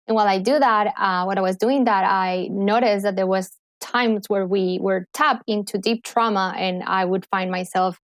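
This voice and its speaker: With almost no pauses and at a moderate pace, a Colombian-accented woman speaks in a medium pitch, animated and enthusiastic. She's a guest on a laid-back podcast, a clinical psychologist and healer, and the audio carries no room sound.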